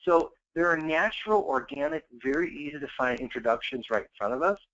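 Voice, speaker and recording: A man giving an energetic sales training talk, coaching listeners and acting out customer conversations. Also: fairly high pitch, fairly quick. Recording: dull lo-fi call audio.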